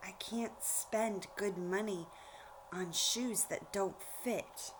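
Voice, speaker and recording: A woman voicing a caring, practical grandmother in a storybook, with expressive, emphatic delivery. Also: mid-range voice, slow, a little hiss or hum, lightly acted, low-quality recording. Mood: gently firm.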